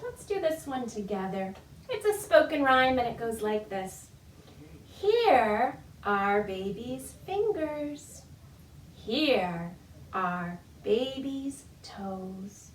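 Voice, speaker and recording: A woman with a fairly high voice leads a storytime for babies and their parents, keeping her phrasing simple, playful and encouraging in a sing-song style. The recorded virtual session comes from an indoor room. The audio has a little hiss or hum, and a distant microphone makes it sound echoey.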